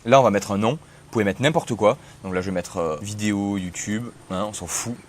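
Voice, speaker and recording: A young man casually explaining software setup step by step in a tutorial video. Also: on the low side, a little fast. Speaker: tech tutorial host. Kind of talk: screen-recorded software tutorial.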